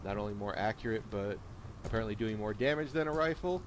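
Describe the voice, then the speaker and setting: A man's voice: on the low side, fast. A man giving casual video game commentary, with rambling explanatory asides. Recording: steady background noise. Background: video game ambience and noise.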